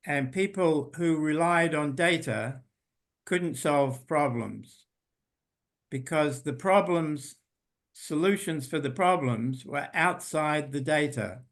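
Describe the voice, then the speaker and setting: Older guy giving a talk on a video call, slowish, kinda high voice, lots of ums. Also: fairly bright tone. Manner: unhurried, thoughtful, with frequent ums. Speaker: invited presenter. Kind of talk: unscripted lecture over video call. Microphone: video call computer mic.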